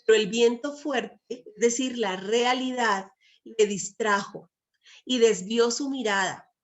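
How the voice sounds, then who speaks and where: A woman's voice: fairly high pitch, takes it slowly. A woman preaching a sermon who keeps turning to her listeners with rhetorical questions and quotes scripture in a coaxing tone. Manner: asks the audience frequent rhetorical questions.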